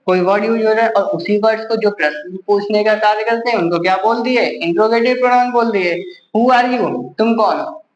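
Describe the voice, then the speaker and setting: A man's voice: high voice, brisk, roomy sound, dull audio. A male teacher giving a grammar lesson with a Hindi accent, constantly asking the class rhetorical questions and answering them himself.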